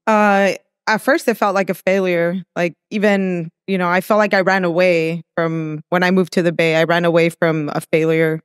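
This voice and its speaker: A man born in Mexico and raised in California, talking as a guest in a casual interview, soft-spoken and hesitant, pausing often as he reflects. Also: sits high, little pitch movement, clear, resonant tone, no room sound, studio quality. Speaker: guest, restaurant entrepreneur.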